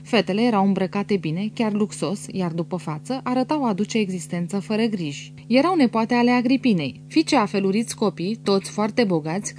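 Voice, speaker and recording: A woman narrating a classic novel in a measured, descriptive way in an audiobook recording. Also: medium pitch, a little mellow, a little hiss or hum. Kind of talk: scripted literary narration.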